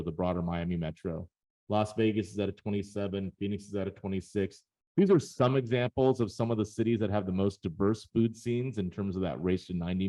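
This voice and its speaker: A man's voice: on the low side, mellow, low-quality recording. A man presenting data in a webinar, explaining charts in a casual, conversational way with frequent fillers.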